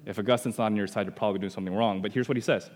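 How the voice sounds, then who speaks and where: A man's voice: lowish voice, fairly even intonation, rapid-fire, darkish tone, in a large hall. A man from Indonesia giving an explanatory theology lecture, stressing points with rhetorical questions.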